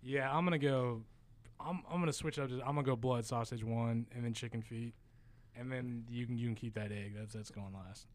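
A man's voice: medium pitch, steady tone, fairly quick. A young man co-hosting a casual student podcast, laid-back and teasing. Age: young adult. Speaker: podcast co-host.

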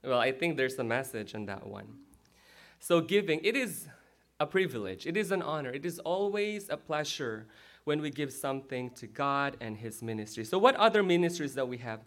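A male pastor giving a lively sermon in a church and checking in with the crowd as he goes. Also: mid-range voice, normal speed.

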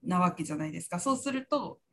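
A woman's voice: fairly low pitch, lively intonation, quick pace, a bit bright. A woman in a casual conversation, phrasing her points in a thoughtful, tentative way. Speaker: talk show guest.

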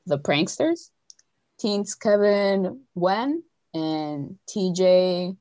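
A woman's voice: fairly low pitch, expressive, drawn-out words, mellow, no echo, dull audio. Chatty young woman telling a story. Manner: chatty storyteller with fillers and asides. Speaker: podcast host telling a story. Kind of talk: casual chat.

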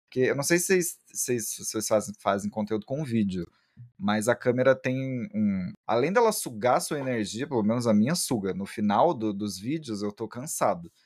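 A man chatting as an interview guest, talking in halting bursts with many restarts and describing himself as shy. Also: medium pitch, animated, a little mellow, no room sound, studio quality. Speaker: interview guest, book content creator. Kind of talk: casual interview chat.

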